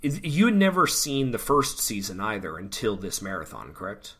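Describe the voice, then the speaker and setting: A man's voice: fairly low pitch, wildly swooping pitch, moderate pace, a bit bright, breathy edge. A man co-hosting a podcast in casual chat, rambling with many ums. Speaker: podcast co-host.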